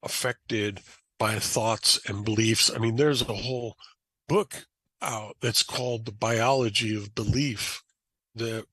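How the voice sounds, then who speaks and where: A man chatting on a podcast, explaining ideas calmly and slipping into animated quoted voices. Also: lowish voice, takes it slowly, low-quality recording. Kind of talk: conversational podcast chat.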